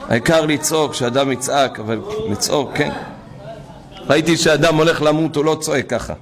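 Fiery preaching man, voice rising high. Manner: impassioned, rising to shouts, urging listeners to cry out. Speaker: rabbi preacher. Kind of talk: fervent religious sermon.

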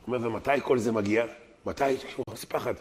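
A man, a rabbi preaching to his congregation. He talks fast and animated, bursting into loud quoted lines and chanting old Aramaic texts in a sing-song. His voice sits at an ordinary middle pitch for a man. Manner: animated, shouting quotations, Talmudic chanting. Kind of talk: sermon.

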